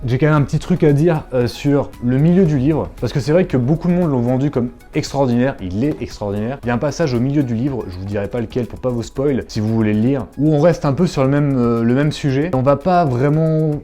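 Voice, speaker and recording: A man with a mellow, warm tone talks straight to his viewers in a relaxed vlog review. He rambles a little, fills gaps with hesitations and keeps an easygoing, conversational flow. Soft music runs faintly behind him. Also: mid-range voice, brisk, few pauses. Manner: chatty, digressive, frequent fillers; addresses viewers directly. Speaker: manga YouTuber.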